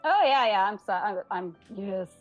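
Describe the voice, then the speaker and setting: A woman's voice: mid-range voice, lively intonation, moderate pace, muffled recording, soft background music. A woman voice actor answering interview questions in a chatty, modest way. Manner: modest, chatty, laughs easily. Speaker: voice actor guest.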